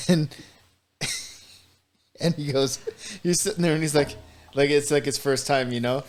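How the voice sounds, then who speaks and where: A man's voice: a little high, a little slow. A man co-hosting a podcast in laid-back comedic chat, swearing casually and laughing often. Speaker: podcast co-host.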